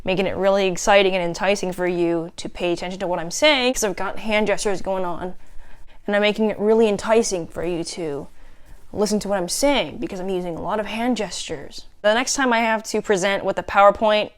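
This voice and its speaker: A young woman giving a casual video reflection for a class, playful and self-mocking, with animated asides. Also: mid-range voice, fairly quick, smooth.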